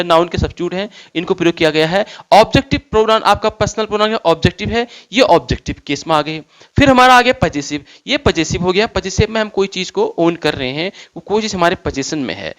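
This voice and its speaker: Lively high-voiced teacher. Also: male voice. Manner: slow, deliberate reading of English example sentences; asks and answers his own questions. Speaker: English teacher. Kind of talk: grammar lesson in Hindi with English examples.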